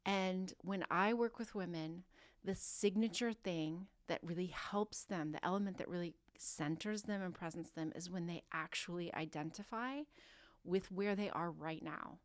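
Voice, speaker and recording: A woman's voice: on the low side, moderate pace, no room sound, studio quality. A woman in her forties, a health coach and author, speaking earnestly and with self-assurance as a podcast guest. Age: 40s. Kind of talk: casual podcast interview.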